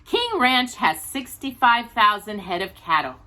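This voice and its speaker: Reading a children's picture book aloud, a storytime show host from Texas sprinkles in chatty asides and wonders aloud in a curious, conversational way. Her bright, lilting voice is a little high, sing-song, and unhurried.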